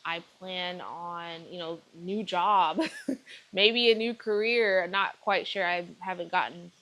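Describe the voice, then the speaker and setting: A woman's voice: on the low side, fairly even intonation, slow pace, a bit bright, low-quality recording. Rambling woman in her thirties. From Texas, United States. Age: 30s. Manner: rambling, full of fillers and self-corrections. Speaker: vlogger. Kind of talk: casual to-camera video diary.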